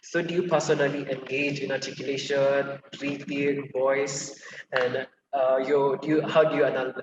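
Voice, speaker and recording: A man's voice: medium pitch, little pitch movement, normal speed. A man in a student role interviewing a radio announcer, speaking casually with many fillers. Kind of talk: interview questions. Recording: distant, dull, echoey and noisy.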